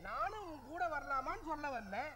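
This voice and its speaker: A man's voice: extremely high pitch, big pitch swings, a little fast. An actor playing a man's own conscience, speaking in a mocking, offhand way. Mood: teasing. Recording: dull film audio with clear background noise.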